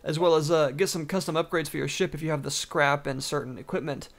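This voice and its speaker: A man's voice: a little high, quick pace, fairly bright tone. A man giving casual, enthusiastic, rambling commentary while he plays a video game. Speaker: gaming video host. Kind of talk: casual let's-play commentary.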